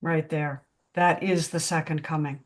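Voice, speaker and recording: A woman facilitating a spiritual discussion group over a video call, speaking in a slow, reflective, contemplative way. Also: deep voice, steady tone.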